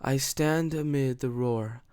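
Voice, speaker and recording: A man giving a slow, measured, rhythmic dramatic reading of poetry as an audiobook narrator. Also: medium pitch, darkish tone, smooth, dry recording, studio quality. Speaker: audiobook reader.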